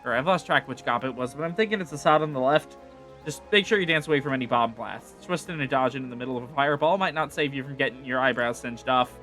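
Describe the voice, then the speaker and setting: Brief: a streamer doing a gruff sea rogue, slangy and folksy, bright-toned voice. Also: male voice, medium pitch, quick pace, soft background music, close to an everyday voice. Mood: encouraging. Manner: folksy, drops into slangy dialect. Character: gruff rough-spoken male sea rogue.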